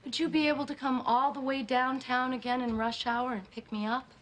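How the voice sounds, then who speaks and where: A woman's voice: high voice, level tone, a little fast, natural voice. An actress playing a coy, teasing young girlfriend in a sitcom.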